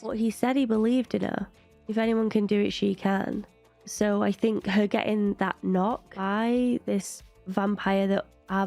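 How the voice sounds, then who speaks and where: British woman with a gravelly, mellow voice. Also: mid-range voice. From Britain. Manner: chatty and opinionated, with frequent "like" fillers. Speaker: reaction video host. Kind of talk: casual reaction commentary.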